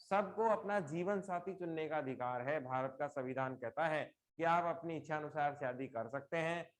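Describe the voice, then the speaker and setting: A middle-aged man, somewhat high in pitch, teaches a live online class through a computer or phone mic. He explains patiently, goes back over the same homely examples and keeps turning to his students with questions. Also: normal speed.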